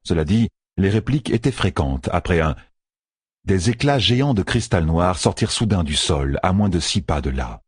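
Male audiobook narrator, deep voice, very animated delivery, dry booth sound. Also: moderate pace, breathy edge, dry recording. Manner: expressive, dramatic storytelling. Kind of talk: scripted fantasy narration.

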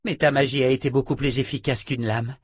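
A man's voice: mid-range voice, steady tone, brisk, slightly rough, no echo, clean studio sound, voice pushed up, lightly acted. A man voicing an eager, curious young woman who asks blunt questions.

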